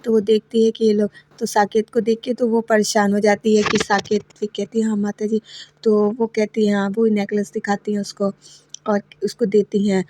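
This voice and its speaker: A woman's voice: medium pitch, flat delivery, normal speed, noisy background. A woman casually retelling a TV serial episode, quoting each character in her own plain voice. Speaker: voice-over narrator recapping a TV serial. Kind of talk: casual spoken recap.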